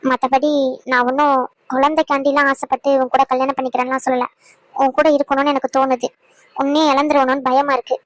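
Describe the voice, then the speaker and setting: A woman's voice: high voice, flat delivery, fast talker, no echo, lightly acted, poor audio. A woman voicing a stubborn, pleading young woman who wants to marry now, in a dubbed serial drama.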